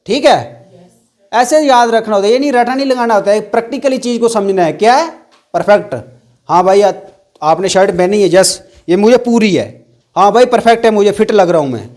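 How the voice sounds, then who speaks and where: High-voiced male grammar teacher. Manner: asks the class questions and repeats key words. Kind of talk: classroom teaching in Hindi.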